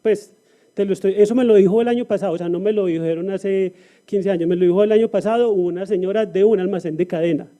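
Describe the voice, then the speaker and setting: A man with a high-pitched yet very dark, mellow voice speaks as a panelist. He talks in a reflective way, often restarting phrases and pausing on fillers. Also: steady tone. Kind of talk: panel discussion talk.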